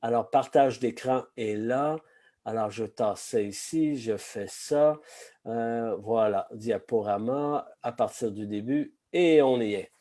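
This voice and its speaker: Hoarse Québécois man hosting a sake class. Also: medium pitch, takes it slowly, warm tone. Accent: Québécois French. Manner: chatty, many hesitations and asides. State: slightly hoarse, frog in the throat. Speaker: sake expert giving a masterclass. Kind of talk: online masterclass presentation. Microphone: video call.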